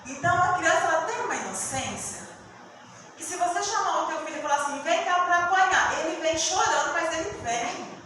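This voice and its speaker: A woman preaching a sermon with emotive storytelling, dropping to a hush and then rising loud again. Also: very high-pitched, animated, fairly quick. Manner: emotive storytelling, swinging between hushed and loud. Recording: echoey hall from far off with room noise.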